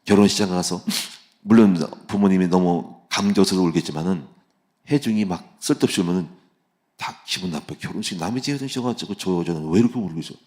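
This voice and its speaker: A male pastor giving an early-morning sermon in a casual, conversational way, full of rhetorical questions and lively storytelling. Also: low voice, quick pace. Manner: casual, conversational preaching with plain speech endings and rhetorical questions; vivid storytelling that acts out quoted voices. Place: church sanctuary.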